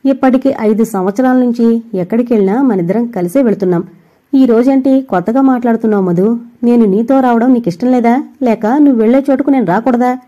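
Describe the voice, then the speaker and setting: A woman voicing a sharp, probing young female friend in a storybook reading, asking pointed questions. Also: fairly high pitch, brisk, lo-fi sound, natural voice.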